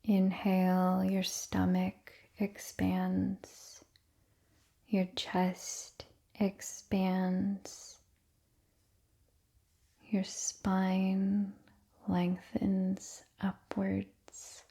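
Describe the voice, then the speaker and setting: In a mid-range voice that is breathy and nearly whispered, with a mellow, dark quality, a woman guides a meditation. She speaks very slowly and soothingly, pausing at length between phrases, and her intonation stays gentle and rather flat.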